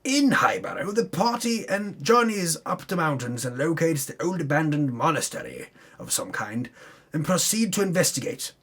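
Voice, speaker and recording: Music runs under this reading of a tabletop game recap, delivered with theatrical flair and wry asides. The man's voice is a bit high, bright, and slightly rough, with a sing-song lilt at normal speed.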